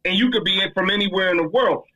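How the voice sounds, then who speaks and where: A man holds forth in a casual discussion, emphatic and slangy, his voice pitched high and bright. The tone is husky, and he speaks with lively conviction. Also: quick pace, low-quality recording. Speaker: speaker answering a question.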